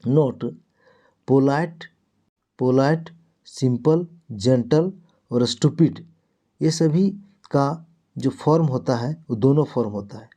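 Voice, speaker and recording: A man's voice: mid-range voice, takes it slowly, long pauses, dark tone. A man teaching a grammar lesson in Hindi, reciting word lists in a drilling rhythm and answering his own questions. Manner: asks questions and answers them himself.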